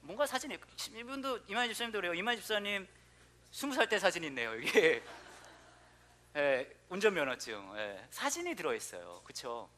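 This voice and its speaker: A man in his thirties preaching a sermon, telling stories with questions to the congregation, sometimes dropping to a soft, hushed tone. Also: sits high, normal speed. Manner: animated storytelling, asks the congregation questions; drops to soft, near-whispered prayer tone. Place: church hall.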